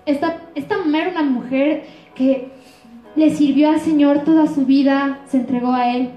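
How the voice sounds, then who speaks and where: A woman's voice: high voice, fairly even intonation, moderate pace, reverberant, muffled recording, faint music behind. A woman pastor with an Ecuadorian accent giving a sermon, often asking the congregation rhetorical questions. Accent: Ecuadorian Spanish.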